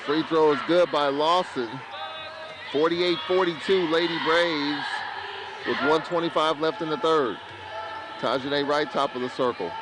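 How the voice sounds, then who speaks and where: Man, basketball play-by-play announcer, unhurried delivery, slightly high voice, loud crowd behind. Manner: excited calls on big plays. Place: college basketball arena. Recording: crowd and arena noise behind.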